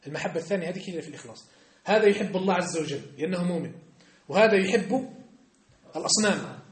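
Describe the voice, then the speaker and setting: Fast-talking male teacher in an echoey room. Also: high voice. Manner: lively, quizzes students often. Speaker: teacher of a religious text class. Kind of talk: classroom lesson explaining verses. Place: classroom. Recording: echoey classroom.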